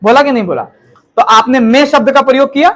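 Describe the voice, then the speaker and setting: A man with a very high voice teaches grammar in a relaxed classroom manner. He keeps checking in with his listeners through quick rhetorical questions. Now and then he acts out example lines in different tones to show how they come across.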